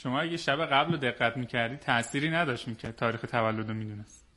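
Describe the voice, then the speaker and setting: Bright-voiced male comedy contest host. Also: medium pitch. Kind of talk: lively show presenting with banter.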